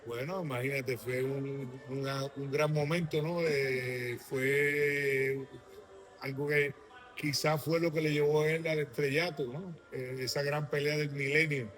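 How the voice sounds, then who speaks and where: A middle-aged man with a Puerto Rican Spanish accent, answering interview questions in a halting way with many restarts. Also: medium pitch, steady tone, fairly bright tone, faint music behind. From Puerto Rico. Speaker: guest.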